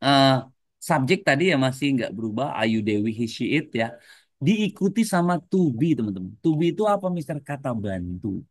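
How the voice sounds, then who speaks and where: This online English lesson for adults comes from a man with a sing-song, mid-range voice at normal speed and no room sound. Mixing English with Indonesian, he tags nearly every phrase with a casual "ya" and keeps referring to the class as friends.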